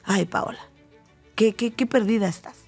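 Gravelly-voiced Mexican woman telling stories. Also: mid-range voice, moderate pace, soft background music. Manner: animated storytelling, acting out quoted voices. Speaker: guest. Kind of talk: casual talk show conversation.

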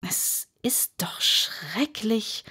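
A woman's voice: mid-range voice, expressive, measured pace, slightly rough. A woman reading an audiobook aloud and voicing a curious young girl who grows more insistent and exasperated. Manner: pleading, increasingly insistent.

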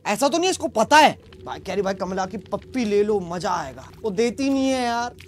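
A man streaming a horror game, commentating live with panicky yelling and crude jokes. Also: high-pitched, animated, normal speed. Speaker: gaming streamer.

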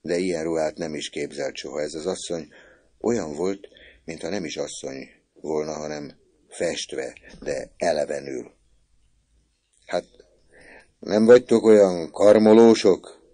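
A man narrating a classic novel as an audiobook in a calm, measured way. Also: rumbling low, breathy edge, no echo.

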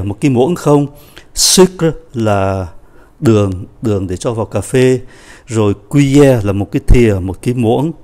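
A man's voice: medium pitch, mellow. A man teaching a French lesson, patiently repeating and explaining each phrase. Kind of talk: language lesson explaining a dialogue.

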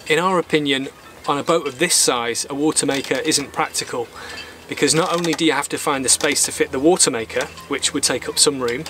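On a small boat in a marina, a thirty-something sailing channel host walks viewers through the basics in straightforward language to camera. His delivery is brisk, his pitch fairly high, and his tone somewhat bright. Ambient outdoor marina noise is audible.

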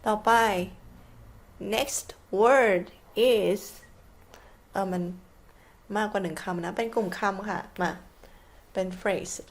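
A woman's voice: mid-range voice, very slow, long pauses. A woman English teacher with a Thai accent, patiently spelling out words letter by letter and repeating each one as she explains them. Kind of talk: slow, patient classroom explanation.

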